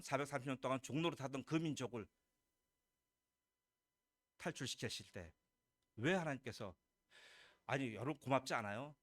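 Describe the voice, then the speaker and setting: A man's voice: mid-range voice, a bit bright, no room sound, studio quality. A man, a pastor, preaching a Sunday sermon with emphatic questions to the congregation and lines acted out as God's words. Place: church sanctuary.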